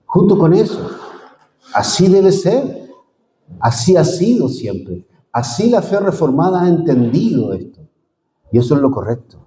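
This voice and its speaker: A middle-aged man preaching a sermon as pastor, animated, with sudden high swoops and chatty asides. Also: measured pace, long pauses. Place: church sanctuary. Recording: long hall reverb.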